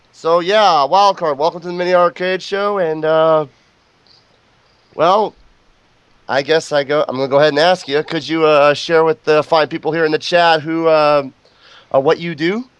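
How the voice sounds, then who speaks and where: A man's voice: fairly high pitch, fairly even intonation, normal speed, long pauses, clear, resonant tone, no echo. A man hosting a casual online show over a voice call, a little sick and coughing, with playful, theatrical announcing. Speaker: host.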